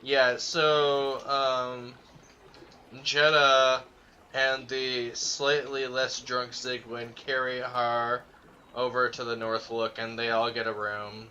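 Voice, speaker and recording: Male game master, relaxed narration, unhurried and bright, dull lo-fi recording. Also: mid-range voice, slight background noise. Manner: relaxed, chatty, laughs often.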